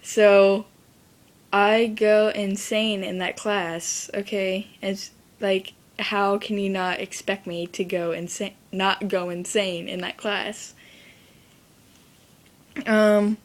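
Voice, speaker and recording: A woman's voice: mid-range voice, flat delivery, slow pace. A teenage girl telling a rambling story to camera in a casual vlog, near tears and full of fillers, filmed on a handheld device. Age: teens. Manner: rambling, sidetracked, many fillers. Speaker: vlogger.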